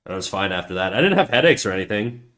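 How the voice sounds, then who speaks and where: A man livestreams while drawing, chatting casually in a rambling, profane, self-mocking way and often restarting his sentences. His voice is lowish and a bit bright, racing along with big swings in pitch.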